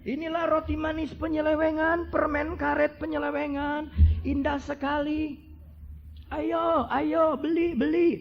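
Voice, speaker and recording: A preacher putting on a wheedling devil hawking sin. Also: male voice, very high-pitched, flat delivery, a little slow, lo-fi sound, a little hiss or hum, pitched above the performer's own voice. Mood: coaxing. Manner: sing-song hawker's call, coaxing. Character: wheedling devil peddling sin like a street vendor.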